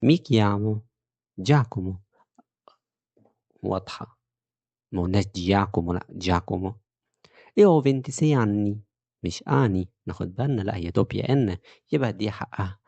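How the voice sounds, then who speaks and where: A man with an Egyptian Arabic accent gives an Italian pronunciation lesson. He has a low, gravelly, mellow voice and walks through each rule patiently, slowly repeating example words. The sound is dry and close. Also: lively intonation, no room sound, highs cut off. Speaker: Italian teacher.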